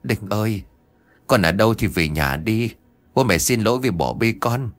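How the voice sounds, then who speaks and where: A man's voice: fairly low pitch, moderate pace, no room sound, pitched above the performer's own voice, natural voice. A man voicing a worried middle-aged village mother in a spoken ghost story, pleading and tearful.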